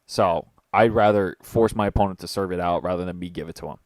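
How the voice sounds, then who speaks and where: A young man giving casual live-stream tennis commentary from home, chatty and excitable, joking with people in the room. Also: sits low, fast talker, dry recording.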